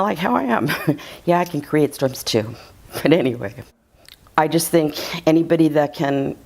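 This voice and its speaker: A woman's voice: low voice, a little mellow. A woman telling an interviewer about her healing session in a casual, rambling way, giggling often and restarting her sentences. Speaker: reiki client giving a testimonial.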